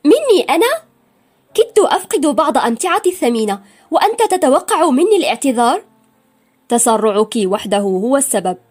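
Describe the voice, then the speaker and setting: A woman's voice: high voice, sing-song, fairly quick, a little mellow, soft background music, voice pushed up. A woman reading an audiobook, voicing a proud, hot-tempered young woman who speaks sharply and indignantly. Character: proud, fiery young woman, quick to anger.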